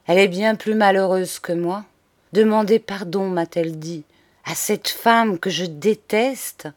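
A woman's voice: mid-range voice, unhurried, natural voice. A woman voicing a defiant, cheeky poor young boy who talks back boldly. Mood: brooding.

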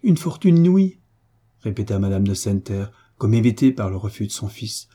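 A man's voice: lowish voice, level tone, a little fast, mellow, slightly rough. A man voicing an anxious, scheming aristocratic mother, a duchess, who exclaims and pleads indignantly. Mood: outraged.

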